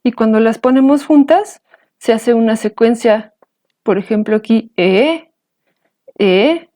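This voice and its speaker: A woman teaching a language lesson, explaining slowly and carefully, pronouncing example words. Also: fairly high pitch, dark tone. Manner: slow, careful, patient explanation.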